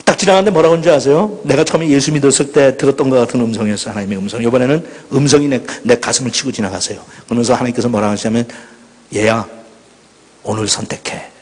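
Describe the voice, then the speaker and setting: A middle-aged male pastor preaching a dramatic personal story at a retreat, swinging between loud outbursts and hushed lines. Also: mid-range voice, very fast, hardly any pauses. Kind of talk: impassioned sermon storytelling. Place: large hall at a student retreat. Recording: echoey hall with long reverb.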